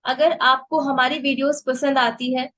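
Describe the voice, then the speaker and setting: A woman's voice: high voice, level tone, normal speed, pushed and bright. A woman presenting crypto news in a casual explainer style, talking through each story with frequent fillers and restarts.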